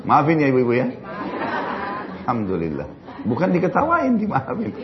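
Man, Islamic preacher, Q&A lecture, jokey rhetorical questions, dull sound, faint crowd murmur. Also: medium pitch. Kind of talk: religious Q&A lecture.

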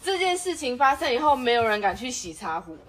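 A woman with a Taiwanese Mandarin accent tells a story in relaxed podcast banter, with a fairly high voice and frequent laughter. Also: a little fast. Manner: laughs often while telling a story. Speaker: podcast co-host; tattoo apprentice. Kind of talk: casual chat.

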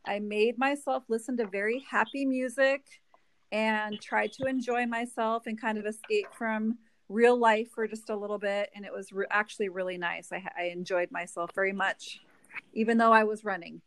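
A woman's voice: mid-range voice, fairly even intonation, normal speed. A woman guest on a podcast, chatting casually and laughing often at herself. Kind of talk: casual chat.

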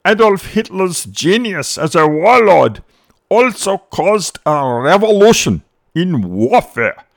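A man's voice: sits high, creaky, no echo, voice pushed up, heavily acted. A man reading out a pompous male Nazi official's boasting press statement in a bombastic voice.

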